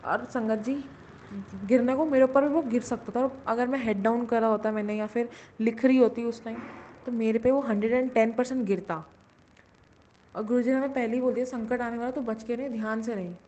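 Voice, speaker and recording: An earnest young woman gives a devotional testimony in a fairly high voice. She circles back over her words and restarts her sentences again and again. The audio is muffled and lo-fi, with a faint hiss underneath. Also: steady tone, a little fast, dark tone. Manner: earnest, repeats herself and restarts often. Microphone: self-recorded audio.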